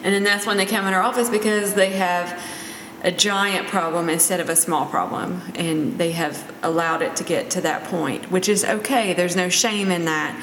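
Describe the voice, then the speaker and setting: Female counselor-host, slightly low voice, conversational religious talk, reverberant recording. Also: steady tone, moderate pace, a bit bright. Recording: echoey room, long reverb, faint noise.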